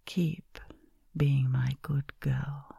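A woman whispering softly and slowly close to the microphone, soothing a listener toward sleep in a caretaker roleplay. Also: very deep voice, little pitch movement, vocal fry, husky, dry recording. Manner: soft, slow, soothing whisper.

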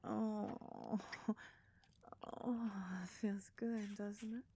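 A woman voicing a doting, possessive young goth woman lover in an intimate audio roleplay, talking in a soft coaxing whisper. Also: medium pitch, little pitch movement, extremely slow, creaky, a little hiss or hum.

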